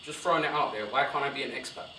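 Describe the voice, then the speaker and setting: A young man speaks on a university panel in a discursive, animated way, circling back and correcting himself as he goes. His mid-range voice is picked up from across a roomy lecture hall with a steady hiss of noise underneath. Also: medium pitch, racing, distant mic. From born in Somalia, raised in West London. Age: young adult.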